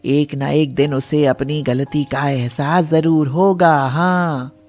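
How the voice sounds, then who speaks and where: A woman voicing a kindly old village woman who gives firm, encouraging advice in an animated moral story. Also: sits low, faint music behind, pitched below the performer's own voice. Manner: slow, encouraging, emphatic.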